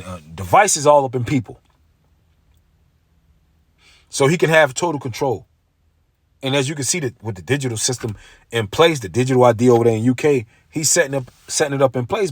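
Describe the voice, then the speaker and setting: Lively-pitched man preaching bluntly. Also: no echo. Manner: emphatic, repeats "right?" as a check-in; blunt and profane. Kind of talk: profane preaching commentary.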